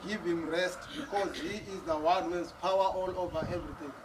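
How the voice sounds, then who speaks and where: A man with a notably high voice interprets a testimony phrase by phrase, now and then stalling and repeating himself. He is recorded from a distance. Clear background noise runs under his voice. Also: steady tone, a little fast. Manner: hesitant, repeats words. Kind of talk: church interpreting.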